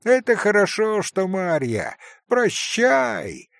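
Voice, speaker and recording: A man voicing a cocky, sharp-tongued schoolboy who talks in a brisk, lecturing way. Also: high voice, very animated, vocal fry, dry recording, clean studio sound, pitched above the performer's own voice, heavily acted. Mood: dismissive.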